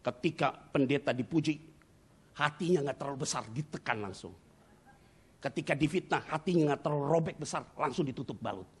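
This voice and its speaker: A middle-aged male pastor preaching a sermon, telling personal stories dramatically with sudden loud bursts and English words mixed in. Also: fairly high pitch, brisk, husky.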